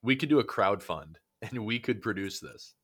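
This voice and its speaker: A man's voice: lowish voice, animated, moderate pace, fairly bright tone, breathy edge. A young man co-hosting a casual podcast, laid-back and laughing often. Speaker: podcast co-host. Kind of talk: casual chat.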